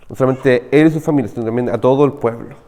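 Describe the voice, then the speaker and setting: A man's voice: medium pitch, quick pace, warm tone, in a large hall. A man with a Chilean Spanish accent preaching a conversational sermon, often asking his listeners "right?". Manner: conversational preaching, frequent rhetorical "¿cierto?". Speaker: pastor. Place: church hall.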